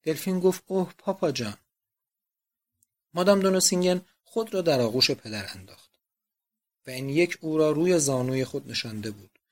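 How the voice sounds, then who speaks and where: A man narrating a literary audiobook in a measured, expressive reading voice. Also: a little high.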